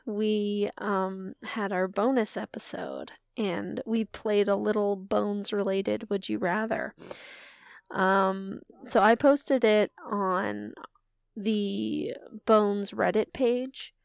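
A woman's voice: mid-range voice, fairly even intonation, very slow, creaky, clean tone, no room sound, clean studio sound. A young woman co-hosting a podcast, chatting casually and rambling a little with fillers. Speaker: podcast co-host. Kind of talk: casual chat.

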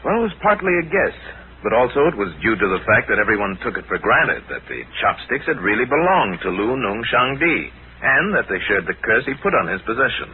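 An actor playing a calm, erudite crime-fighting lama in a formal, theatrical 1940s radio style. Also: male voice, medium pitch, fairly quick, natural voice. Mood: assured, explaining. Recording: tinny, hissy old radio recording.

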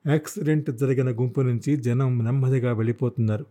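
A man narrating a thriller novel as an audiobook in a steady, dramatic storytelling manner. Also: mid-range voice, brisk. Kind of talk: scripted narration.

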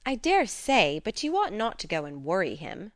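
A woman voicing a spirited, sensible teenage girl in an audiobook, brisk and coaxing. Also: medium pitch, huge pitch swings, dry recording, clean studio sound. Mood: wistful. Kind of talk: audiobook character reading.

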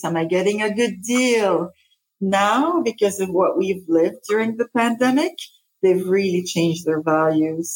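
A woman's voice: mid-range voice, darkish tone, rough recording. Articulate Lebanese-born woman in her fifties. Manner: articulate, explaining with rhetorical questions. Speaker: business consultant guest. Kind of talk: podcast interview.

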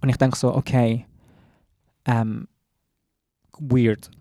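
A man's voice: medium pitch, level tone, slow pace, dark tone, dry recording, studio quality. A young man with a Swiss German accent, a podcast co-host telling a story in a rambling, self-mocking way, mixing in English slang. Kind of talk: casual chat.

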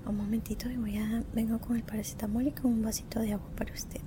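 A woman doing a whispered role-play as a courteous, caring flight attendant, speaking softly and politely into a close microphone. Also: level tone, fast talker. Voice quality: soft, mostly unvoiced whisper. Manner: gentle, attentive, polite service talk with diminutives. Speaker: ASMR performer playing a flight attendant. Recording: rumbling background noise.

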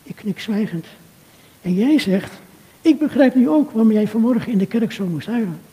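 An older man giving an earnest, measured sermon talk, speaking directly to a churchgoer. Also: sits high, dark tone. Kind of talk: reflective sermon talk addressed to a listener. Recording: long reverb of a hall.

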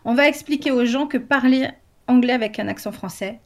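A woman's voice: a little high, fairly quick, crowd noise. Enthusiastic woman explaining eagerly. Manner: enthusiastic, talks in long flowing runs with fillers. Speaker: co-host presenting a language-learning project. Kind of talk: casual group discussion.

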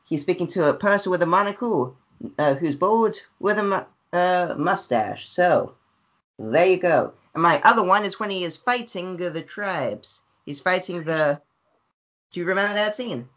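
A man's voice: high voice, moderate pace. A man guesting on a podcast over a video call, talking energetically and repeating himself. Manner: energetic, repetitive, bursts into loud yelps. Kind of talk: casual review chat. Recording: dull lo-fi call audio.

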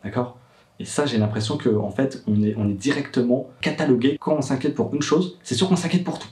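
A man's voice: medium pitch, fairly quick, a little mellow, reverberant, far from the mic. A young man, a worried father, telling his story in a hesitant vlog monologue full of fillers and restarts. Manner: hesitant, many fillers and restarts, rising when upset.

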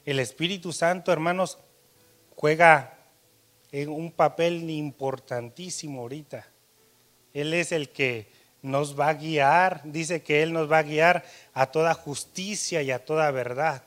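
A man preaching a sermon, telling a personal story, his voice rising louder and dropping soft. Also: on the high side, a little slow.

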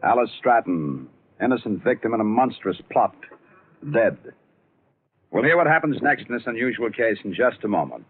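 A man's voice: fairly low pitch, animated, normal speed, soft background music. Dramatic old-time radio announcer man. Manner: dramatic, persuasive. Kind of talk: 1940s radio announcing and ad copy. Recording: tinny 1940s radio broadcast.

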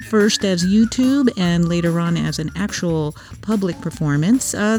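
A woman's voice: lowish voice, dark tone. A woman speaking as the host of a casual group interview, recorded in a theater. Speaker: host, theater company artistic director. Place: theater, distanced from others. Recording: echoey hall, music behind.

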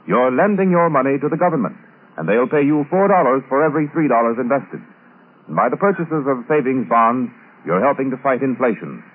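A man's voice: mid-range voice, slightly rough. A man reading a persuasive scripted radio announcement in 1940s style, heard from an old broadcast disc. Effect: old broadcast disc sound. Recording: tinny, narrow-band old radio transcription.

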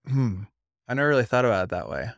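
A man's voice: medium pitch, very animated, fast, creaky, dry recording, clean studio sound. A man in casual podcast conversation, thinking aloud and searching for words, with many likes.

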